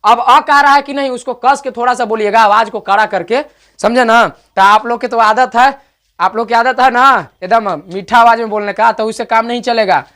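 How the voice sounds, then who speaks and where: A man's voice: extremely high pitch, steady tone, moderate pace, sharp tone. Man drilling a grammar lesson. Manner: direct, repeats words aloud to drill pronunciation. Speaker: teacher.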